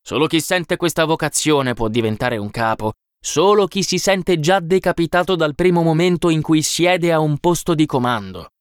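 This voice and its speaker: A bookish, earnest man in spectacles lectures slowly and insistently, as a male reader takes his part. The voice stays smooth and clear, with deliberate pacing. It sounds like a dry storybook reading. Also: a little high, dry recording, voice pushed up, close to an everyday voice. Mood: explaining. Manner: slow, explanatory, insistent.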